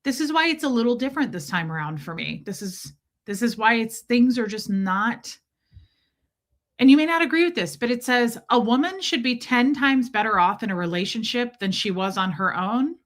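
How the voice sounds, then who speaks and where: Hosting a livestream, a woman with an American Midwestern accent chats candidly and casually with her viewers at a moderate pace. She sounds animated, though lack of sleep has made her voice deeper than usual.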